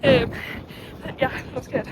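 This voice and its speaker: A woman chatting casually to camera while out on a mountain hike, upbeat and quick to laugh. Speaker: travel vlogger. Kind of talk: casual vlog chat to camera. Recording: noisy outdoor ambience.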